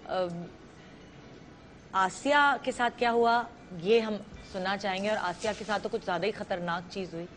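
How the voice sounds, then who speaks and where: A woman's voice: medium pitch, moderate pace, fairly bright tone, slight background noise. A woman from Pakistan hosting a TV morning talk show, prompting her guest with short questions.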